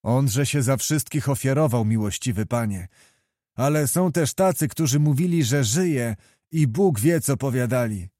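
A man voicing a blunt, rough-mannered nobleman reporting to his king, in a read-aloud historical novel. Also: mid-range voice, animated, unhurried, dark tone, no room sound, studio quality, close to an everyday voice. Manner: blunt, earthy.

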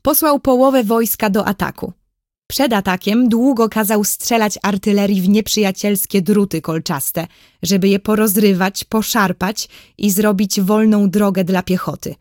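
A woman narrating a children's story as an audiobook in a clear, measured storytelling manner. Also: mid-range voice, steady tone, a little mellow, no echo, clean studio sound.

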